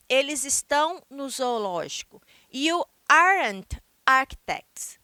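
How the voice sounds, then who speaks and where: A Brazilian woman teaching an English grammar lesson, explaining step by step and reading English examples slowly and clearly. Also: high voice, pushed and bright, dry recording. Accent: Brazilian Portuguese. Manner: explains step by step, ending points with "tá?".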